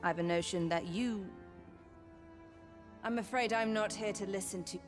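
A woman's voice: medium pitch, measured pace, music in the background, lightly acted. A woman voicing a cool, aloof noble lady in a fantasy game, speaking formally in an old-fashioned way. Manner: formal, archaic speech, cool and dismissive. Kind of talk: video game dialogue.

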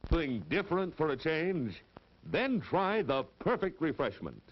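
A man reading a 1950s snack commercial in a friendly, persuasive pitch. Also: very animated, normal speed. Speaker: announcer. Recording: dull lo-fi old film soundtrack.

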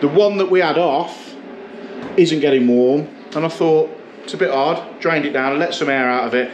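A man's voice: fairly high pitch, normal speed, a little hiss or hum. A man, a plumber chatting and explaining as he works, a little self-mocking. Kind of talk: work vlog narration. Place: living room in a house, indoors.

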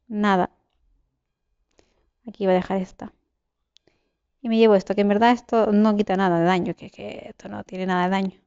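A woman's voice: mid-range voice, a little mellow, smooth, no echo, dull audio. A young woman with a Spain Spanish accent giving casual gameplay commentary, chatting to herself and her viewers, with sudden shrieks and swearing. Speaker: gameplay streamer.

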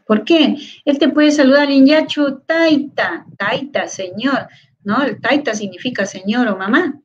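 A woman teaching a lecture on Quechua, sounding out syllables slowly and often stopping to ask whether her listeners follow. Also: a little high, muffled recording. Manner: asks many rhetorical check questions. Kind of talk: online lecture.

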